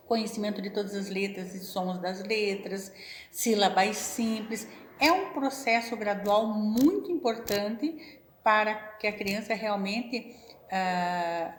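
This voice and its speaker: A woman, a literacy educator, patiently explaining in an informal teaching talk and sounding out syllables slowly. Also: medium pitch, echoey room.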